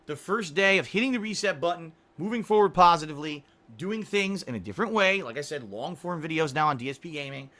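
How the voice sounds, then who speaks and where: Bright-voiced man rambling on a livestream. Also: fairly high pitch, animated, fast talker, few pauses, a little hiss or hum. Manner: rambling, restarts often, clears throat a lot. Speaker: streamer. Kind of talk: casual livestream chat reading viewer messages.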